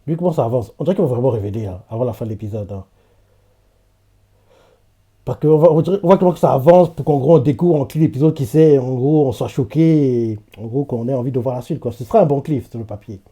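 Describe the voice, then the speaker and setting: A man's voice: medium pitch, fast talker, dark tone, breathy edge. Chatty man reacting live to anime. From French-speaking. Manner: chatty, laughs often, many fillers.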